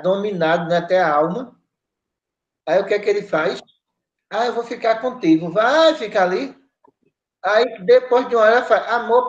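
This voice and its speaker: A woman's voice: mid-range voice, a little mellow. A woman lectures firmly as a spiritual counselor, scolding and driving her points home with tag questions. The recording is roomy and muffled. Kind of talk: spiritist study podcast talk. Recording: roomy, dull lo-fi sound.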